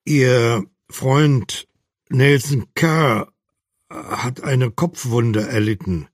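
A man's voice: mid-range voice, very slow, no echo, studio quality. A man voicing a male police officer who hesitantly and formally delivers grim news, read in an audiobook. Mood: somber.

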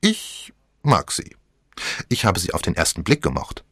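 A man's voice: sits low, huge pitch swings, unhurried, fairly bright tone, no echo, clean studio sound, full character voice. A man voicing a flippant, teasing girl of about seventeen in an audiobook, with theatrical, mock-dramatic speech. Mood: playful.

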